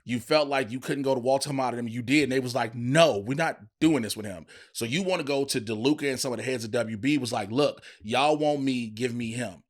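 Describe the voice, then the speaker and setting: A male podcast co-host talks briskly at medium pitch, barely pausing. On this comedic show he chats casually and profanely, voicing strong opinions and acting out imagined conversations.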